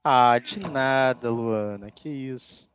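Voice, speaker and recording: A man co-hosting a casual gameplay livestream, slangy and relaxed, thanking viewers. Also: medium pitch, takes it slowly, clean tone, muffled recording. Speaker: streamer, co-host.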